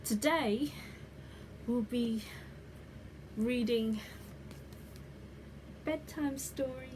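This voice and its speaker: Female channel host, casual and slow-talking, introducing bedtime reading over clear background noise. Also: fairly high pitch. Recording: clearly noisy background ambience.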